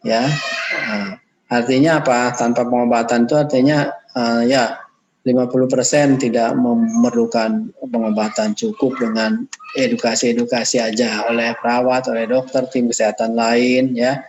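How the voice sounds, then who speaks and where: A man's voice: mid-range voice, flat delivery, normal speed, muffled recording, slight background noise. A man teaches a class in a plain, mid-range voice. He speaks off the cuff and explains things step by step, addressing his students courteously. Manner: unscripted, addresses students politely as ladies and gentlemen. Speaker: lecturer. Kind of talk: online lecture.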